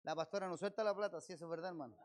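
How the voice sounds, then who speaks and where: Speaking rapid-fire in a high voice, this Chilean-accented man preaches as pastor of a church service. He throws rhetorical questions at his listeners and booms out the key phrases.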